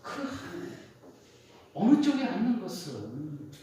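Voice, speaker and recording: Pastor man preaching, voice jumps up and down a lot, slightly high, super echoey hall, far from the mic. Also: takes it slowly, slight background noise. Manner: animated storytelling, asks the congregation questions. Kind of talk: sermon. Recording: echoey church hall from a distance.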